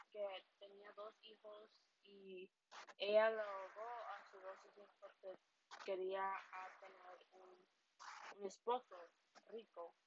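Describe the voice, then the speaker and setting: Woman retelling a story all hesitant, lots of ums and english bits, muffled lo-fi sound with noise in the back. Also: mid-range voice. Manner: hesitant, with fillers, restarts and English words mixed in. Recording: dull lo-fi recording with steady background noise.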